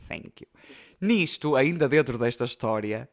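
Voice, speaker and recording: A man's voice: mid-range voice, lively intonation, unhurried. A young man with a European Portuguese accent, hosting a podcast and telling personal stories in a chatty, emotional way full of fillers. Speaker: podcast host. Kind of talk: casual storytelling.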